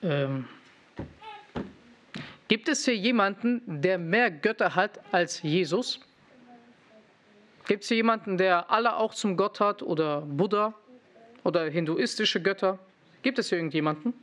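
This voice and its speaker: A man's voice: sits high, expressive, a little slow, long pauses, a bit bright. A young man preaching a sermon, asking the congregation questions and teasing them with irony.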